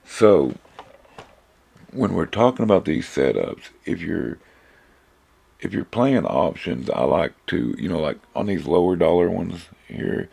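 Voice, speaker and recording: A man with an extremely deep voice and a heavy gravelly rasp talks through a trading lesson. He is hoarse from losing his voice, and his husky tone still swings up and down a lot as he explains, correcting himself often in an easygoing, informal way. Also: expressive, measured pace, a little mellow. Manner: informal, rambling, many fillers and self-corrections. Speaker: trading instructor. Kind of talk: casual screen-share charting lesson.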